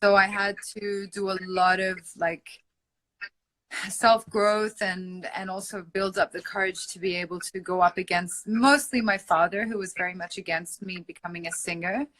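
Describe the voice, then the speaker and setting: A woman's voice: mid-range voice, fairly even intonation, normal speed, a bit bright, rough recording. A woman from Iran, a singer, chatting as an interview guest over an online video call, effusive and affectionate, with lots of "like" and "um". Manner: effusive and affectionate, with many "like" and "um" fillers. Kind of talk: casual interview chat.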